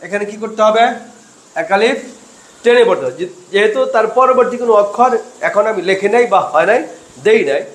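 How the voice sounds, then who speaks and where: An expressive man with a high voice, heard with a roomy sound, leads a slow, step-by-step Quran reading spelling lesson in which he asks questions and answers them himself.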